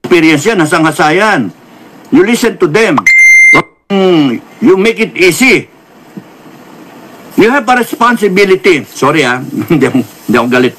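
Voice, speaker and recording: Speaking with a Filipino accent, a man gives a lecture-style political commentary in a slightly high, expressive voice that's a bit bright. His pace is moderate, and he mixes in English phrases while apologizing repeatedly.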